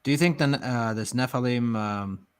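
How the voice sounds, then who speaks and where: A man in casual discussion, speaking in a hesitant, halting way. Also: medium pitch, clean tone. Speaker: guest panelist.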